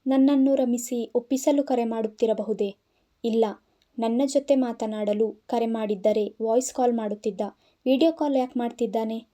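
Give me a sad, soft-hearted young wife from an audio storybook, as a woman narrator voices her, tender with a child and full of doubt. The voice is mellow and slightly high. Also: fairly even intonation, moderate pace, natural voice.

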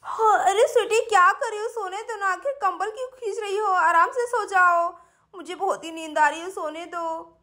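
A woman's voice: very high-pitched, normal speed, sharp tone, voice pushed up. A woman voicing a sleepy girl who grumbles at being woken. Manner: drowsy, grumbling.

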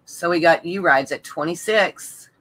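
A woman co-hosting a live coin auction, playful and quick to laugh. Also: on the low side, fairly bright tone, low-quality recording. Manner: slow, playful, laughs often. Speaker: auction co-host. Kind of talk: casual live auction banter.

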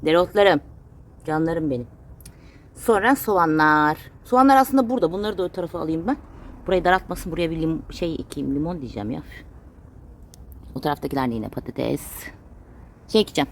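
A woman's voice: deep voice, lively intonation, brisk, long pauses, slight background noise. Chatty woman vlogging her chores. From Turkey. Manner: chatty, talks to pets and plants. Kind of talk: casual chat while doing chores. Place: home and garden.

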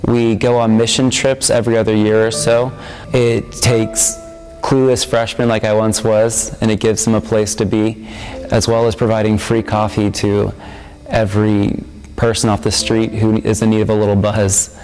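A man's voice: on the low side, monotone, moderate pace, a little mellow, low-quality recording. A young man, a student member of a campus ministry, speaking earnestly and reflectively in an interview testimonial, with frequent ums. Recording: music bed under the voice. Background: music.

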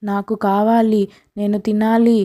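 A woman's voice: mid-range voice, level tone, unhurried, warm tone, lightly acted. A woman voicing a young woman possessed by a demanding grandmother's spirit, speaking in a haughty, imperious way.

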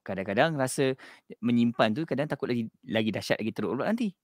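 A man with a Malaysian accent, hosting a radio talk show in a studio, giving short, relaxed, agreeing responses to his guest. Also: medium pitch, quick pace, a little hiss or hum. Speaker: radio host.

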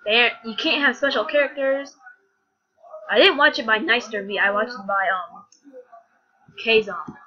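A woman's voice: a little high, fairly even intonation, measured pace, long pauses, sharp tone. A young woman chatting casually in a rambling vlog, giggling often with a scattered, offhand manner. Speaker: vlogger. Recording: dull lo-fi sound.

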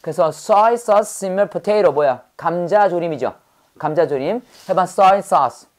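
A woman whose voice is lowish and darkish in tone teaches English vocabulary through a snappy call-and-response drill, firing quick questions and repeating every word repeatedly.

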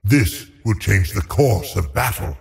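A man voicing a cold, haughty undead lich sorcerer in a video game, speaking in a menacing, theatrical, deliberate way as he savors his cruelty. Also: lowish voice, animated, gravelly, in a large hall. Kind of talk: video game villain voice lines.

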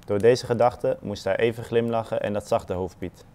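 Low, mellow man reading a children's story. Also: steady tone, normal speed, clear, resonant tone.

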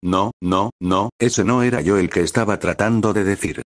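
A man's voice: fairly low pitch, normal speed, no room sound, clean studio sound, lightly acted. A man voicing a nervous teenage male student who stammers defensively.

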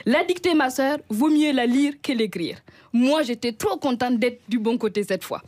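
A woman telling a comic story in a radio studio as a columnist, lively and self-mocking. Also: sits high, normal speed, dry recording.

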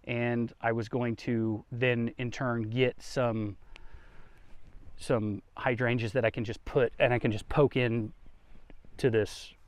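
The recording is dry: a medium-pitched man, a gardening vlogger, leads an outdoor garden tour and explains things casually in a folksy, conversational manner.

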